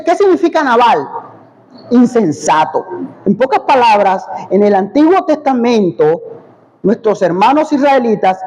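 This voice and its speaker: Guy preaching, pretty high voice, keeps asking the church a question then answering it, big echoey hall. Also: a little mellow. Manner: asks the congregation questions and answers them. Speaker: pastor. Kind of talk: teaching sermon.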